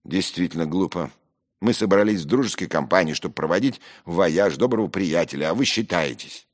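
A man's voice: sits low, lively intonation, a little fast, pitched above the performer's own voice. A man voicing a blunt, rude young man who speaks curtly. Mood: scolding. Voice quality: curt, rough.

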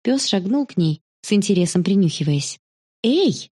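A woman narrating a children's story in a calm, even storytelling manner. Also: medium pitch, normal speed.

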